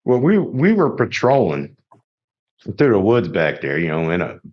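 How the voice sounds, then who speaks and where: A man's voice: fairly low pitch, huge pitch swings, moderate pace. A middle-aged man hosting a podcast, rambling through army anecdotes and swearing constantly. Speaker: podcast host. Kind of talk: casual profane storytelling. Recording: dull lo-fi audio.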